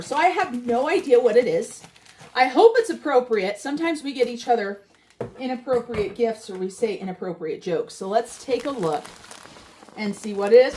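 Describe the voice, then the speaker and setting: An older woman vlogger chats casually and heartfelt, speaking straight to her viewers and calling them "you guys." Her voice is fairly high in pitch with a darkish tone.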